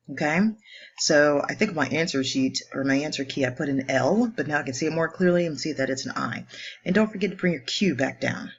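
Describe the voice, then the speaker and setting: A woman math teacher working through homework problems step by step in a brisk, upbeat way, joking now and then at her own expense. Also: low-pitched, lo-fi sound. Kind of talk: homework walkthrough lesson.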